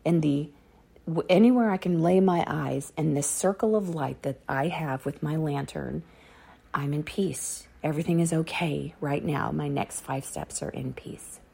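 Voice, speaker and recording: A middle-aged woman with a low, gravelly and husky voice shares an earnest personal faith testimony. Her tone is dark and mellow, and she repeats key phrases for emphasis as she speaks outdoors on an autumn morning. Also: unhurried.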